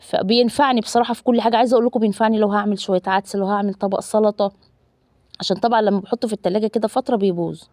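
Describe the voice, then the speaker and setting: Egyptian lady cooking vlog, talks super fast, warm mellow voice, dry close sound. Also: medium pitch, steady tone, dry recording. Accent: Egyptian Arabic. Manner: chatty, addresses viewers as loved ones, frequent fillers. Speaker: family vlogger. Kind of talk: casual cooking vlog narration.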